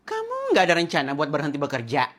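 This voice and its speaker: A nosy middle-aged aunt lectures in a smug, condescending way, with a woman putting her on. The voice sits a little lower than usual, with lively pitch. It plays as a comedy skit. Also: fast talker, slightly rough, exaggerated voice. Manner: condescending, preachy. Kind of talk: comedy skit role-play.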